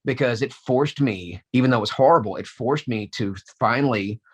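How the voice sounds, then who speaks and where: A man's voice: mid-range voice, a little fast, husky. A man in his forties, a voice actor, telling stories in a casual interview, full of restarts and acting out what people said. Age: 40s. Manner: animated storyteller, acts out quotes, many restarts. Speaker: voice actor guest.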